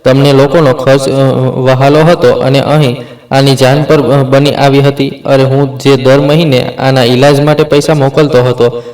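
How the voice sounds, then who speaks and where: A man's voice: medium pitch, flat delivery, moderate pace, a little mellow, natural voice. An indignant young husband from a family storybook, as a man reads him, firm and bitter in his tone. He is voiced plainly in a roomy room, some way off the mic. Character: angry anguished young husband protecting his wife. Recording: roomy echo, distant from mic.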